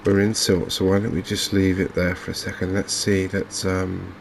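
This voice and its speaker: Faint sounds from open windows and fans drift behind an English gaming video host as he quietly narrates a game ASMR-style. His low voice stays extremely even with a gravelly fringe. He sounds unhurried, somewhat hesitant and softly thoughtful.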